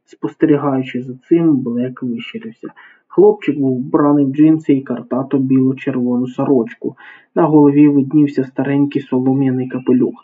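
Man, audiobook narrator, husky voice, tinny phone-like sound. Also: mid-range voice. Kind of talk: scripted narration.

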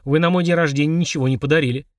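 A man voicing a greedy, blunt male demon who talks in a flat, unbothered, snide way. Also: fairly high pitch, very fast, no echo, clean studio sound, recorded from a distance, close to an everyday voice. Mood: indifferent.

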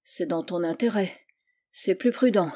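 A woman reading the part of a frightened middle-aged café owner, speaking in a hushed, urgent way. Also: fairly low pitch, unhurried. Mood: fearful.

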